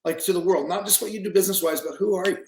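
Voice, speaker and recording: A man's voice: high voice, fairly even intonation, rapid-fire, echoey room, slight background noise, low-quality recording. A man hosting a podcast interview, enthusiastic and conversational. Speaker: podcast host.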